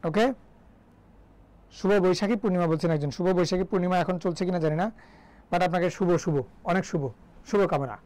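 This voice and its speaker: A man's voice: sits high, normal speed, long pauses, a little mellow, poor audio. A young man from Bangladesh teaching English grammar in a live online class, chatty and joking as he quizzes students. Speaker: English tutor.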